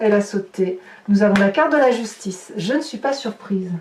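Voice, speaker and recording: With an expressive, medium-pitched voice at normal speed, this tarot reader and horoscope host turns cards and comments on them in an improvised, conversational reading for viewers, dotting her lines with little interjections. Faint noise, a distant mic and room echo mark the recording.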